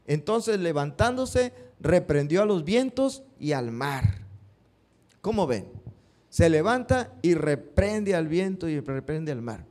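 A man's voice: on the high side, slow pace. A man preaching a sermon, often stopping to put questions to his congregation. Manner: asks the congregation questions, lively rising emphasis.

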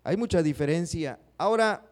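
A man's voice: fairly high pitch, lively intonation, moderate pace, a little mellow. A man preaching a sermon, acting out prayers and putting questions to the congregation.

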